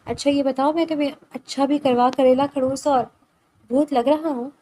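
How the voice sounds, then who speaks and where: A woman's voice: high-pitched, steady tone, warm tone, a little hiss or hum, close to an everyday voice. A woman reading the part of a protective young man who teases and reassures, in a storybook reading. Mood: soft.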